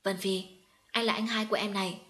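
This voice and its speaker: A woman's voice: medium pitch, flat delivery, fairly quick, a bit bright, natural voice. A woman reading as a young man, a protective elder brother, in a soothing, reassuring way.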